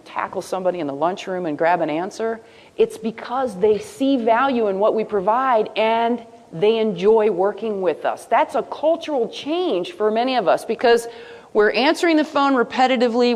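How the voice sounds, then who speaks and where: A woman giving a live presentation, lively and asking her audience questions as she goes. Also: medium pitch. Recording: long hall reverb.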